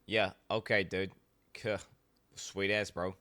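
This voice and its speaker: A man reacts as a streamer in a casual, blunt way. His voice is forward and crisp, and he argues with plenty of swearing. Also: low-pitched, flat delivery, slow pace, bright, forceful tone. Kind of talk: casual livestream reaction commentary.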